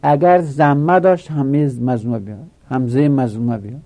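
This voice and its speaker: A man teaching a grammar lesson, explaining slowly and repeating each step while asking questions. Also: mid-range voice, steady tone, mellow.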